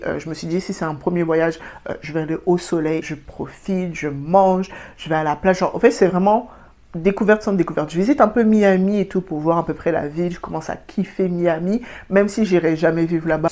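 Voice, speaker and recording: A young woman from France with a French accent, telling travel stories in a chatty, casual storytime vlog and dropping in English words. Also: fairly low pitch. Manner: chatty, animated, slangy with English words mixed in. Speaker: travel vlogger.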